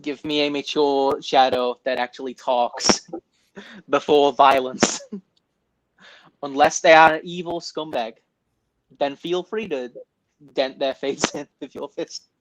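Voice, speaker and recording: Giggly man, slightly high voice. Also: fairly even intonation, takes it slowly, long pauses, background noise. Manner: giggly, slips into mock voices. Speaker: podcast guest. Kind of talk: casual chat.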